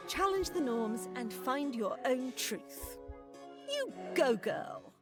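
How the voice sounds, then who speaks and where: An actress voicing an airy, new-age goddess of fate in a video game, gushing and calling everyone darling. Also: female voice, sits high, big pitch swings, slow, exaggerated voice. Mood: breezy, dreamy. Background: game music.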